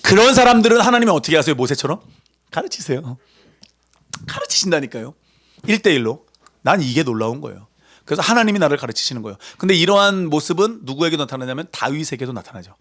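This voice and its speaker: A man preaching a sermon in a lively, conversational way, acting out voices as he goes. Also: a little high, fast talker. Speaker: pastor.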